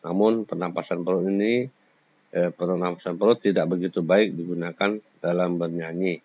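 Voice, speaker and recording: A man speaks at normal speed in a low, steady, slightly rough voice. He's lecturing a school class, taking the points one by one and singing the odd short example, on a slightly dull lo-fi recording.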